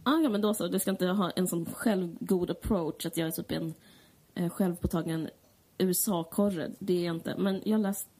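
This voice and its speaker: A woman's voice: fairly low pitch, fairly even intonation, mellow, slightly rough. A woman co-hosting a podcast, talking in a rambling, frank and sardonic way. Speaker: podcast co-host. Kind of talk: casual chat.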